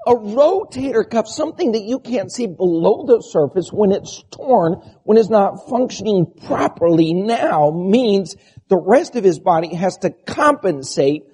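A man's voice: sits high, animated, unhurried, warm tone, slightly rough. A man preaching a sermon with a strained, quavering voice that bleats like a goat, using rhetorical questions and repeated lists. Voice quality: strained, quavering, bleating voice from a vocal disorder (spasmodic dysphonia). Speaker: preacher and church pastor.

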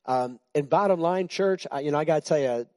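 This pastor in his sixties gives his church an informal, chatty sermon, joking with the congregation and frequently restarting sentences. His voice is fairly high-pitched and darkish, his pace brisk, and the recording is dry and studio quality.

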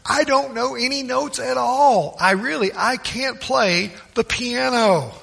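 A man's voice: high voice, lively intonation, moderate pace, fairly bright tone, husky, heavily acted. A man voicing a young pastor's wife who sternly protests that she cannot play the piano. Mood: protesting.

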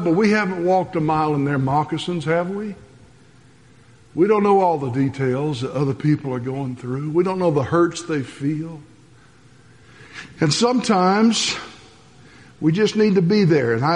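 Slow-speaking preacher in a reverberant hall. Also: male voice, high-pitched. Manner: earnest, swinging between soft and rising emphasis. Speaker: pastor. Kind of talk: sermon.

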